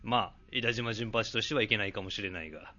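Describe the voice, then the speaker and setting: A man's voice: lowish voice, fast talker, bright, forceful tone, dry recording, highs cut off. A man playing a pompous, lecherous old academy head who speaks like a self-assured sage in a comic talk show.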